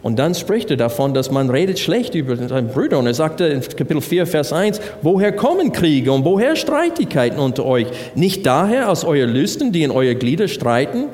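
A man's voice: fairly high pitch, big pitch swings, moderate pace, few pauses, darkish tone. A man preaching a sermon, working through Bible verses and asking the congregation rhetorical questions. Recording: long hall reverb.

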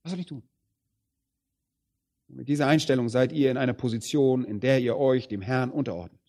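A man preaching a sermon, addressing the congregation directly. He stresses some phrases loudly and drops others low and quiet. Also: brisk. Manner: emphatic, swings between loud stresses and quiet low phrases.

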